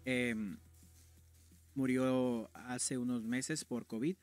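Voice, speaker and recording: A man's voice: medium pitch, fairly even intonation, drawn-out words, darkish tone, soft background music. A man from Guatemala with a Mexican accent, telling a story to his stream chat in a crude, slangy, casual way. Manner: slangy, crude, keeps tagging "güey".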